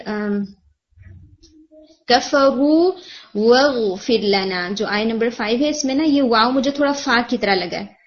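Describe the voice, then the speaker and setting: A woman tutor explains pronunciation patiently and step by step, switching easily into English words. Her voice sits a little high. The audio is lo-fi and muffled. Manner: patient, explanatory, mixing English terms into Urdu. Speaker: Quran recitation teacher. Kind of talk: one-on-one tajweed feedback.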